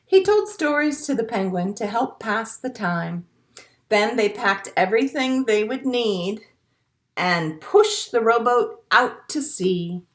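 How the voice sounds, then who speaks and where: Reading a picture book to young children, a storytime librarian and host speaks slowly in a fairly high, animated voice. Her reading is expressive, punctuated by songs and asides, and she addresses the kids in simple, encouraging terms.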